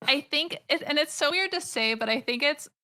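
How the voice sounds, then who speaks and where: An American woman in her thirties, a comic artist and streamer, chats as a guest on a casual podcast. Her voice sits high and sounds bright and pushed, with lively intonation and a slightly quick pace. She rambles enthusiastically, full of fillers and restarts.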